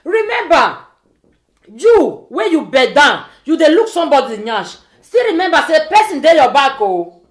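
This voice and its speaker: A woman's voice: sits high, sing-song, normal speed. A woman with a West African accent delivers an informal pidgin rant like a social media vlogger, scolding and repeating pointed rhetorical questions. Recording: echoey, roomy sound.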